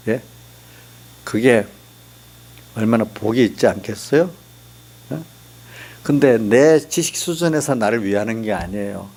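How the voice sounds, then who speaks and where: A man's voice: medium pitch, gravelly, darkish tone. A middle-aged male pastor preaching a sermon in church, talking in a conversational way and often asking the congregation for replies.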